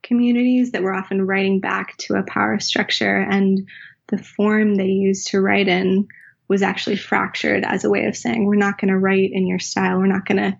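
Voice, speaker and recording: Her mid-range voice is creaky with a breathy edge, moving little in pitch at a normal speed. The US writer and teacher responds thoughtfully and searchingly in this interview, restarting and using filler, on dull lo-fi audio.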